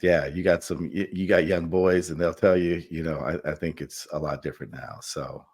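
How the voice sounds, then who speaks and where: Low-voiced man, easygoing and rambling. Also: moderate pace. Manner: relaxed, rambling with many fillers, laughs often. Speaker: doctor co-host. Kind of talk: casual podcast chat.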